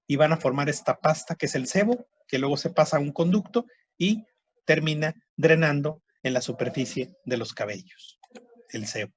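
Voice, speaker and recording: A man's voice: fairly high pitch, dry recording, muffled recording. Man lecturing on histology. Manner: explanatory, repeats terms, frequent checks with students. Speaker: histology teacher. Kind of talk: online lecture to students.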